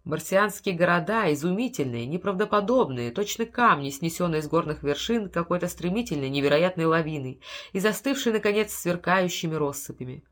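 A woman narrating an audiobook in a steady, expressive storytelling manner. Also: lowish voice, brisk. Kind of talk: scripted narration.

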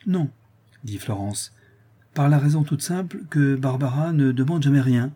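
A man's voice: mid-range voice, normal speed, dark tone. A man reading a novel aloud as an audiobook narrator, lifting his voice slightly for the characters' lines. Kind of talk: scripted narration.

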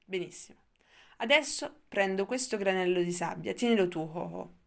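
A woman's voice: on the low side, moderate pace, vocal fry. A woman reading the lines of a rambling, wistful old grandfather in an audiobook. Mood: patient explaining. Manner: wistful, lecturing.

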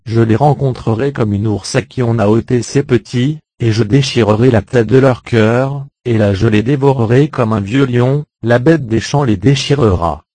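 A man reading a Bible chapter aloud in a measured, solemn way. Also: mid-range voice, warm tone, no room sound. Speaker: Bible reader. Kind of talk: scripted scripture reading.

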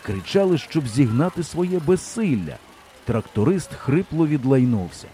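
A man narrating an audiobook in an expressive storytelling manner. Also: mid-range voice, unhurried, slight background noise. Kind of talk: scripted narration.

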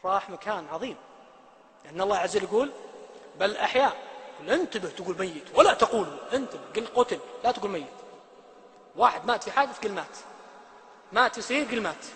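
Brief: male preacher, quick and bright, sermon in a reverberant hall. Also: high-pitched, slight background noise. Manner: animated, swings from loud emphatic to hushed.

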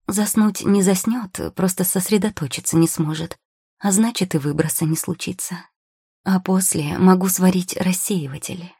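A woman's voice: fairly low pitch, normal speed, mellow, husky, no echo, clean studio sound. A woman reading a storybook who voices a patient young potion-maker girl, soothing and practical.

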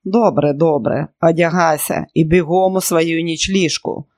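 Brisk mocking brothel madam, dry close voice, as a man reads her. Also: a little high, fairly even intonation, darkish tone, no room sound. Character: stout sardonic woman brothel madam.

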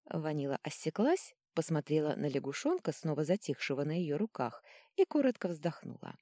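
A woman giving expressive scripted narration of an audiobook. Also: sits low, normal speed, no room sound, studio quality. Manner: expressive, storytelling.

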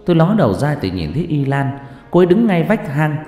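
Animated male horror storyteller. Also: on the high side, brisk. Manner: dramatic, first-person narration. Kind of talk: dramatic horror story narration. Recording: echoey room with long reverb and faint music.

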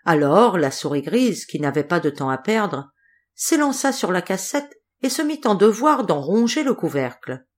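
A woman reading a fairy tale aloud as an audiobook narrator, calm and measured. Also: lowish voice. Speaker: audiobook reader. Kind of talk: storybook narration.

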